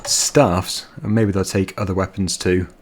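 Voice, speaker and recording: A man chats his way through a video game, rambling and laughing easily. His voice sits fairly low. The commentary is relaxed and unscripted. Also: unhurried, a little hiss or hum. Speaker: let's play gamer. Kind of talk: casual gameplay commentary.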